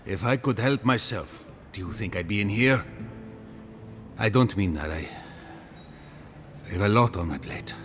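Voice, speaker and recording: An actor playing a weary ranger leader drinking in a pub, gloomy and blaming himself. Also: male voice, lowish voice, lively intonation, unhurried, pauses often, slight background noise. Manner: gloomy, self-reproaching.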